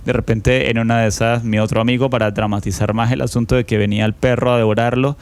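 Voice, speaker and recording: A man hosting a podcast, telling a childhood story in an unhurried, reflective way with frequent fillers. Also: mid-range voice, flat delivery, clear, resonant tone. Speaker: podcast host. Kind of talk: personal storytelling monologue.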